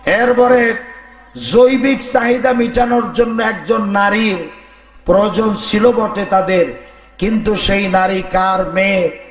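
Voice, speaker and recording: A hoarse man delivers a sermon in a high voice, putting rhetorical questions to the crowd and chanting verses. The sound is echoey, as if through a public-address system. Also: steady tone, slow, faint music behind. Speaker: preacher. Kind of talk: Bengali waz sermon.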